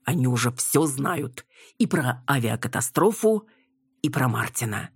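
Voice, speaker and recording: Woman reading an older joking father, slow and amused, low husky voice, dry audiobook sound. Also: very animated, no echo, heavily acted. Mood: wry.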